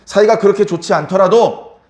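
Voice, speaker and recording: A man's voice: high voice, fairly quick, a little mellow, roomy sound. A male pastor preaching a sermon, repeating key words for emphasis and putting questions to the congregation.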